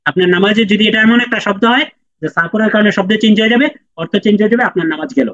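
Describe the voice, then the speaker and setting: Speaking very fast, a man with a high, fairly bright voice leads an online class on Quran letter pronunciation. Each sound is patiently repeated for the students to echo back. The recording is dry and dull, lo-fi.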